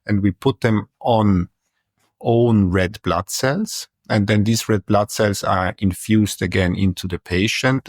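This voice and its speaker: A guest neurologist from Austria, middle-aged and speaking with an Austrian German accent, hesitates through his interview answers with frequent restarts and fillers. His lowish voice has a darkish tone, captured in a dry, clean studio recording.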